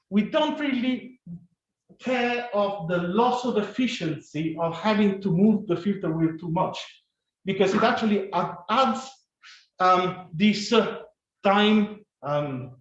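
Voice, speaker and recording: Man giving a talk in an echoey hall. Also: high voice. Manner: fast, halting, many fillers and restarts. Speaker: conference speaker. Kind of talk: scientific conference talk. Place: conference room or lecture hall. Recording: echoey, dull conference recording.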